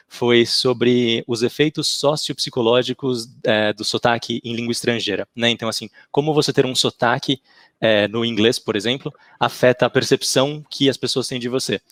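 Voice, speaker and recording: A man's voice: medium pitch, fairly even intonation, normal speed, a bit bright, no echo, clean studio sound. A man talking as a podcast guest over a video call, a chatty storyteller who tags his sentences with "né". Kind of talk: casual podcast chat.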